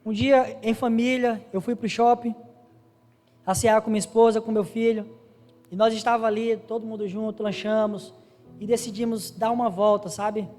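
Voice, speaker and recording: Preacher, high voice, echoing church. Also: male voice, little pitch movement, moderate pace, a little mellow. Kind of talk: sermon. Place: church hall. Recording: live church recording with long reverb and faint music.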